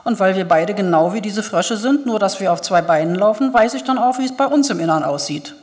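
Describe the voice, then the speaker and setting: A woman's voice: mid-range voice, animated, fairly quick, a little mellow, natural voice. A woman reading a blunt young doctor. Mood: matter-of-fact. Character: blunt young male doctor, coolly scornful. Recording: long hall reverb.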